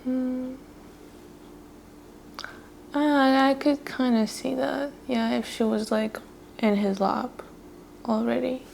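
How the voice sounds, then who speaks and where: A woman's voice: sits high, little pitch movement, takes it slowly, gravelly, long pauses, darkish tone, a little hiss or hum. A young woman chatting casually on camera as she reads a romance novel, retelling the characters' lines in a chatty way and laughing often. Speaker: book vlogger. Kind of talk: casual read-along commentary.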